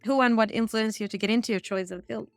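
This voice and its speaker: Higher-voiced woman podcast host. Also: quick pace, dry recording, faint music behind. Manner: reads set questions in a steady, bright tone. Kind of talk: scripted interview questions. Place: Stockholm.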